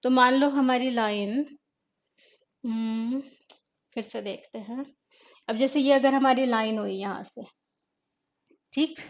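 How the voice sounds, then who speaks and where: A woman English teacher giving an online exam-prep lecture. She mixes Hindi and English and explains by asking questions and then answering them herself. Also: fairly high pitch. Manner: reads poetry slowly and deliberately. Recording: dull lo-fi online class audio.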